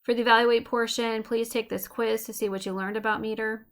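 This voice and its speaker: A woman teacher giving a recorded lesson, explaining clearly and slowing down to tap out rhythms. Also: on the high side, little pitch movement.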